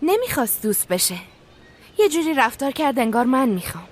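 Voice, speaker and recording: An actress voicing a proud, quick-tempered young woman doctor in a dubbed TV drama. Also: high-pitched, big pitch swings, soft background music. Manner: sharp and indignant when angry.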